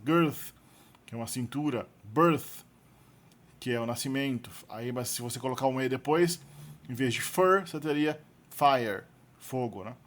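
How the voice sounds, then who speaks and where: A man with a Brazilian Portuguese accent teaching a recorded lesson, explaining slowly and deliberately and repeating each example word. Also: medium pitch. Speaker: language teacher.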